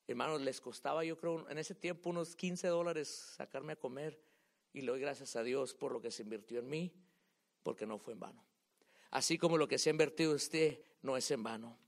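A man preaching a sermon to his congregation, swinging between loud calls and quiet asides, dropping English words into his speech. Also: on the high side. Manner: rises and drops in loudness, mixing English words in.

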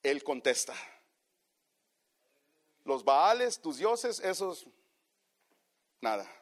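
A male preacher with a high, bright voice delivers a sermon. He calls the congregation brothers and swings between hushed asides and loud, shouted peaks. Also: big pitch swings, drawn-out words.

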